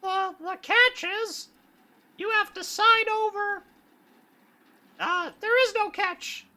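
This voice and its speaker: A sinister theme-park mouse acted out by a woman in a very high, squeaky cartoon falsetto. He is falsely cheery with menace underneath, bright and piercing. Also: slow, exaggerated voice.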